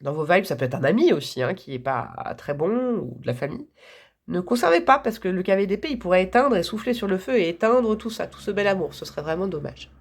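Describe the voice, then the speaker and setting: A hoarse woman giving a casual, enthusiastic tarot reading to her viewers, chatty and quick to laugh. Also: mid-range voice, very animated. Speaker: tarot reader.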